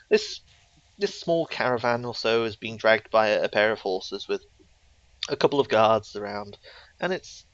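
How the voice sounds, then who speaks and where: A man's voice: lowish voice, fairly bright tone, no room sound. Rambling male game master. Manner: rambling, self-deprecating, many fillers. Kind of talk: narrating a tabletop game. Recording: slightly muffled recording.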